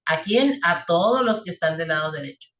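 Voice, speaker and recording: A woman's voice: lowish voice, animated, fairly quick, a bit bright, highs cut off. A woman teacher, walking a class through equations and physics step by step and checking in often with short questions. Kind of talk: classroom math and physics lesson. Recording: echoey room.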